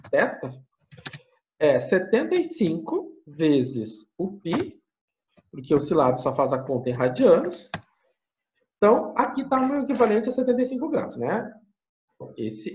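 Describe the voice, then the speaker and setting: A man's voice: sits high, darkish tone, muffled recording. A male math teacher with a Brazilian Portuguese accent, lecturing step by step, asking his own questions and answering them, with frequent tag questions. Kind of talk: lecture walking through a calculation.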